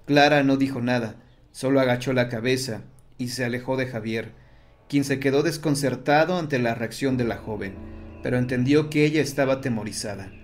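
A man reading a horror audiobook in a steady, measured storytelling voice. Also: medium pitch, faint music behind. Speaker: narrator. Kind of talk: scripted audiobook narration.

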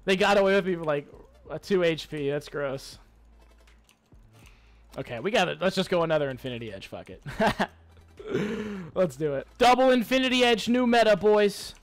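A young man giving excitable, hyped commentary while playing a video game, swearing and taunting his enemies. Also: a little high, moderate pace, long pauses. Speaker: gaming YouTuber. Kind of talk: live gameplay commentary.

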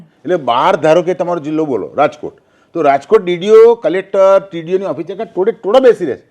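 A man's voice: high-pitched, a little fast, a little mellow. An older man from Gujarat, a former newspaper journalist, talking politics in an interview and telling anecdotes, acting out quoted speech.

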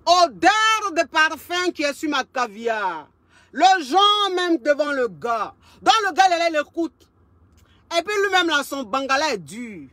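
A woman relationship coach, telling a story in a lively way and repeating phrases for emphasis. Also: sits high, a little slow, no echo. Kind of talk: casual storytelling monologue.

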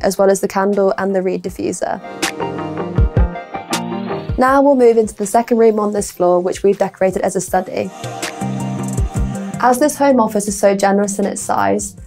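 A woman's voice: medium pitch, normal speed, pauses often, music in the background. A young woman presenting a scripted house tour as a property presenter, with upbeat, complimentary sales patter. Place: indoor rooms of a furnished house. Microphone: lapel mic.

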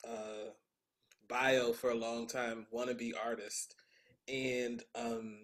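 A man, an artist on a panel, speaking in a soft-spoken, modest way. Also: medium pitch, level tone, slow pace. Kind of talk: panel discussion.

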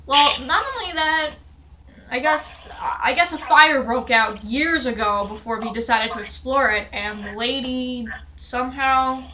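On the high side and bright, her voice comes across forcefully as this young vlogger rambles through a story in her cramped, cluttered bedroom, restarting often and using many fillers. A distant camera on a stand captures it, and the audio is poor, with slight background noise.

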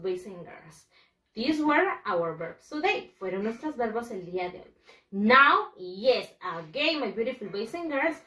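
A woman teaching English to young children, a Spanish speaker who drills pronunciation slowly and emphatically and switches between two languages. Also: on the high side, a bit bright, roomy sound, distant mic, low-quality recording. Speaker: first-grade English teacher. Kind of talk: bilingual classroom lesson.

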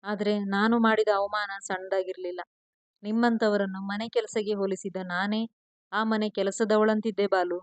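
A woman's voice: mid-range voice, steady tone, moderate pace, dry recording, close to an everyday voice. A woman voicing a remorseful young woman who pleads and apologizes through tears. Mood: tearful.

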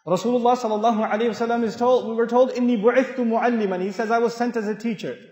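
A middle-aged man from Pakistan giving an animated, humorous Islamic talk to an audience in a large mosque hall, acting out voices as he tells stories. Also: very high voice, very fast. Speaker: Islamic lecturer. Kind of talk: sermon-style talk with storytelling. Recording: echoey hall with long reverb.

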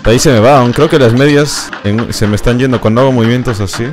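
A man's voice: medium pitch, quick pace. A man streaming a game, giving running commentary, muttering to himself, barking orders at his character and yelping when things go wrong. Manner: excitable, yelps and laughs at the game. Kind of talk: live gameplay commentary. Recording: streamed voice over loud game music. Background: game music.

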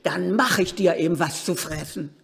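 Man voicing a furious shrill woman. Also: moderate pace, creaky, slightly rough, exaggerated voice. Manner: loud, raised and harsh. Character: furious grown woman, harsh and shouting. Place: reading hall. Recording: reverberant hall.

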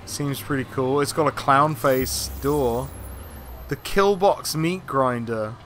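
A man's voice: mid-range voice, slow, a bit bright, slight background noise. A man with a British accent casually chatting as he streams a video game live from a room at home. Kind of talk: casual chat over gameplay. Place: small room at home, indoors. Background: faint game music.

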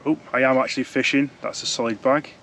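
A man's voice: medium pitch, steady tone, quick pace, a bit bright, slight background noise, rough recording. A young man chatting casually as he reviews fishing gear from inside a tent, rambling and restarting his sentences. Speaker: fishing vlogger.

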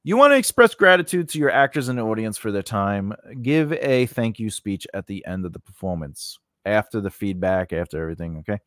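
Leading an informal, unscripted writing tutorial, an instructor and host speaks in a voice on the low side, animated and a little fast, with a fairly bright tone and hardly any pauses. He talks conversationally, often repeating phrases and checking in with the listener, in a dry, clean studio recording.

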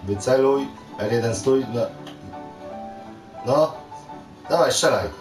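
A man's voice: medium pitch, slow. Father, reading game story aloud and coaching his son, with self-corrections. Echoey room, distant mic. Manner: reads aloud with stumbles and self-corrections, animated on quoted lines. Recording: roomy, distant mic, game music behind. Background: video game music.

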